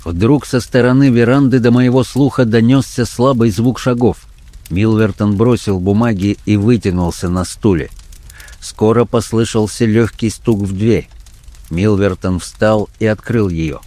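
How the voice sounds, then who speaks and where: A man narrating an audiobook in a measured, even reading. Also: fairly low pitch, no echo.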